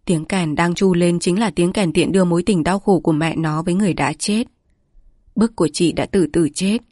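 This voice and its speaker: Low-voiced woman narrating a village story. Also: darkish tone, no room sound, clean studio sound. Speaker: audiobook narrator.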